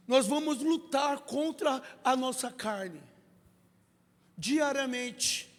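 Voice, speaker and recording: A male pastor preaching a sermon, acting out dialogues and building to shouts, in a church. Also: very high voice. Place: church sanctuary. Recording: reverberant church hall.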